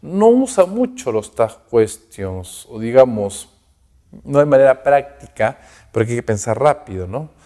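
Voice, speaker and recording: Guy teaching an english class, mellow warm voice, keeps asking "ok?" and "no?", flips between two languages for examples. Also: mid-range voice, very animated. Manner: checks in constantly with quick "ok?" and "no?"; switches between Spanish and English example sentences. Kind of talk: recorded class lecture.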